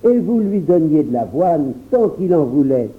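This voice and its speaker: A man doing a calm, practical coachman. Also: on the high side, normal speed. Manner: matter-of-fact explaining. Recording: tinny phone-like sound.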